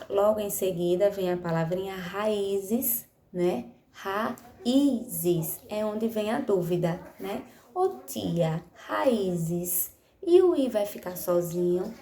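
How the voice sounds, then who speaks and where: Slow, patient teacher woman. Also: lowish voice, warm tone. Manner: slow, patient, stretches out words for young pupils; affectionate diminutives, checks understanding with frequent "né?". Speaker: primary school teacher. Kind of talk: recorded remote lesson for children. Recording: echoey room with faint noise.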